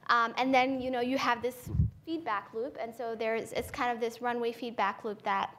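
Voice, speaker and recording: A woman's voice: fairly high pitch, fairly even intonation, normal speed, a bit bright. A woman from Ethiopia speaking as a panelist at a conference forum, thinking aloud with many fillers and restarts and ending points with "right?". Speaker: panelist, AI researcher. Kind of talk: conversational panel talk.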